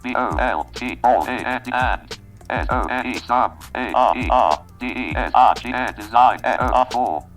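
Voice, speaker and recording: A robotic synthesized male screen-reader voice, clipped and flat, spelling out typed letters one by one. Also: medium pitch, normal speed. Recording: distant computer speaker, faint music behind.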